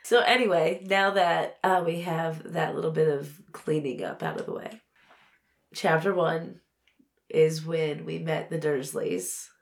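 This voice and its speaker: A woman's voice: sits low, measured pace, gravelly. A woman co-hosting a podcast in casual chat, her voice stuffy from a blocked nose. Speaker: podcast co-host.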